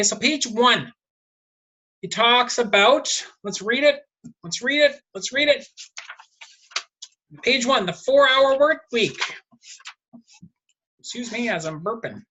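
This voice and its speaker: A woman's voice: fairly high pitch, a bit bright. A woman hosting a solo video monologue, speaking emphatically, repeating her points and answering her own rhetorical questions. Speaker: numerology video host.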